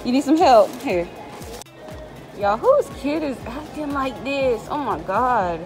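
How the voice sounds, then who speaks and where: A woman's voice: high voice, very animated, takes it slowly, music in the background, low-quality recording. A woman hosting a casual shopping vlog, chatting and teasing while talking straight to her viewers. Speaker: vlog host, mother.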